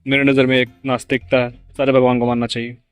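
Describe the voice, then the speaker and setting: A man's voice: mid-range voice, flat delivery, fast, clean tone, soft background music. A young man, making a joking vlog with wry asides as he wanders a book fair. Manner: joking, wry asides, switching between Hindi and English. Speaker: vlogger. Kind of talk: casual comic vlog narration.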